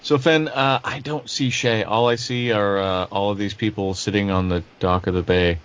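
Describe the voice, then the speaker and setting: A man's voice: lowish voice, normal speed, lo-fi sound. A young man playing in a tabletop game, joking around with the group in casual chat. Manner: joking, animated. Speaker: player.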